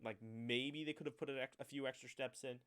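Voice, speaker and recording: A man hosting a casual gaming chat, animated and loose, swearing and acting out quoted lines. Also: medium pitch, brisk, clean tone. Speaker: podcast host.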